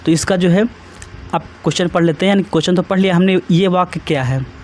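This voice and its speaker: Man, exam tutor, repetitive casual explaining, slightly high pitch, faint street noise. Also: quick pace, a little mellow. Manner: repetitive, asks students questions, adds tag questions.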